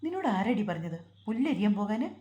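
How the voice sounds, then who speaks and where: A woman voicing a young village husband who scolds his wife and then softens, in a roomy recording. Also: mid-range voice, very animated, fairly quick, muffled recording, natural voice. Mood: scolding. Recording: roomy echo.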